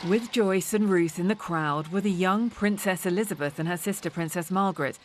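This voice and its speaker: A woman delivers a scripted news report. Her voice sits a little low, and she speaks in a composed, measured way, like a correspondent reading a prepared piece. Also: slight background noise. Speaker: royal correspondent.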